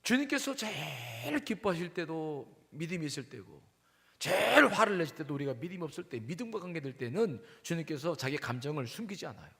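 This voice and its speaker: A male pastor preaching a sermon emphatically, questioning the congregation and moving between loud and hushed delivery. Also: on the high side, sing-song, fairly quick, gravelly. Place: church sanctuary. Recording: long hall reverb.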